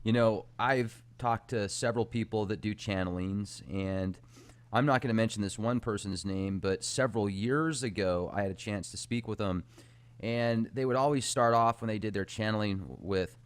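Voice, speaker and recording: A man's voice: on the low side, normal speed, clear, resonant tone. A man hosting a talk show, chatting casually and animatedly, laughing as he tells an anecdote. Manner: animated, laughing, acts out impressions. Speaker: host. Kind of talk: casual chat.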